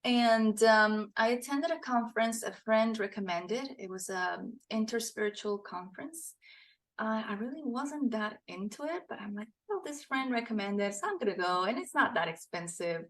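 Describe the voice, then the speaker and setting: A woman from Costa Rica, an author appearing as a podcast guest, tells her story earnestly in a casual interview and laughs often. Her voice is fairly high and animated, at a moderate pace, though the audio is poor.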